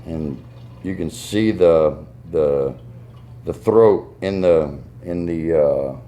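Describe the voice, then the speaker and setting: A man's voice: a bass voice, takes it slowly, mellow. A man with a Southern US accent giving a casual hands-on tutorial in a folksy, step-by-step way. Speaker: goose call maker giving a tuning demonstration.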